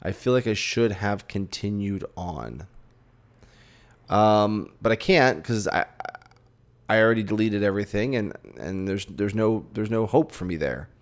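A man's voice: on the low side, measured pace. A tired young man talking frankly and rambling on his own podcast, swearing and restarting his sentences often. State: tired, yawning. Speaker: podcast host. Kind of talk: casual solo podcast monologue.

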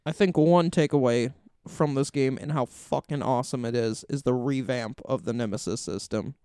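A man co-hosting a casual gaming podcast, excitable and swearing as he talks. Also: mid-range voice, moderate pace, smooth, dry recording, clean studio sound. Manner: excitable, swears, laughs along. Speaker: podcast co-host.

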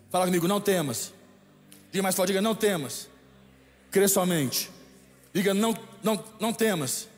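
A man with a Brazilian Portuguese accent preaching a sermon as a bishop, emphatic and repeating lines for the congregation to echo. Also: sits high. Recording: echoey hall with faint music.

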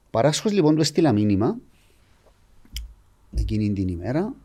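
A man's voice: medium pitch, big pitch swings, mellow. Casual podcast guest: male, Cypriot Greek accent, mild-mannered delivery with very varied intonation. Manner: mild-toned.

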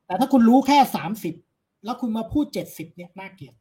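Fast-talking blunt male lecturer. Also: sits high, lively intonation, warm tone. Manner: blunt, uses crude casual speech; confident, lecturing. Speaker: philosophy lecturer, guest. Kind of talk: casual chat interview.

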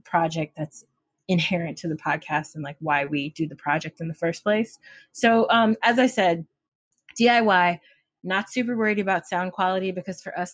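A woman with a slightly low voice hosts a homemade podcast. She talks informally and jokily. The sound is a little echoey and off, as if from another room. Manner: informal, jokey, laughs readily. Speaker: podcast host. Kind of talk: casual chatty podcast introduction. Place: different room at a DIY home setup. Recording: slightly echoey makeshift room, air conditioner on.

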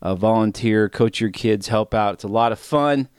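A man's voice: lowish voice, moderate pace, a little mellow, clean tone, no room sound, clean studio sound. Breathless middle-aged male podcast host. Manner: rambling, self-deprecating, goes off on tangents. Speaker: sports betting podcast host. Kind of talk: casual solo podcast chat.

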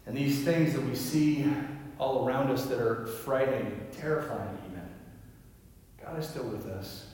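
A man preaching a sermon as pastor, gentle and reflective, often dropping to a soft, quiet voice. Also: medium pitch, measured pace. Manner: gentle, reflective, drops to quiet near-whispers. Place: large church sanctuary. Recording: echoey hall, voice from far off.

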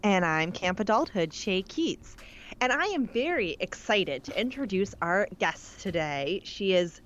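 A woman's voice: medium pitch, big pitch swings, a little slow, fairly bright tone, dull audio, slight background noise. A woman in her thirties co-hosting a casual podcast, gushing and teasing as she chats. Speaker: podcast co-host. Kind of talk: casual chat.

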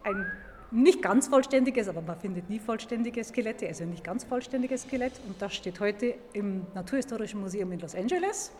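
In an echoing museum hall, a female paleontologist appearing as a guest expert explains science to kids with informal emphasis. Her voice is medium in pitch, darkish and fairly quick, and the recording carries a slight hiss or hum.

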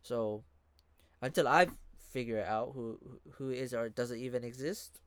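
A man's voice: mid-range voice, normal speed, clean tone, no room sound. A man, chatting casually in sweary slang and agreeing in repeated bursts.

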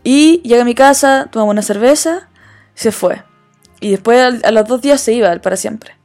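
A woman's voice: on the high side, normal speed, darkish tone, faint music behind. Chatty woman telling stories. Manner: candid, self-deprecating storyteller, acts out dialogue. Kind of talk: casual chat.

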